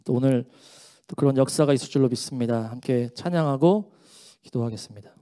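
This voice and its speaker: A man's voice: mid-range voice, fairly quick, mellow. A man pastor giving an earnest, emotional testimony during a church service. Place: church sanctuary during worship.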